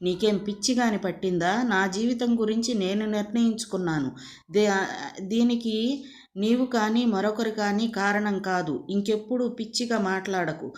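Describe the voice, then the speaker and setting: A woman voicing a calm, resolute young woman in a storybook reading. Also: mid-range voice, moderate pace, natural voice. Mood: firm. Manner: firm, composed.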